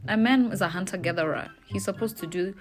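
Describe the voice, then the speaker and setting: A woman's voice: medium pitch, fast talker, faint music behind. A South African woman frankly giving advice as she reacts to viewer confessions, playful and slangy. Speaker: YouTuber reading viewer confessions. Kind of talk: casual advice chat.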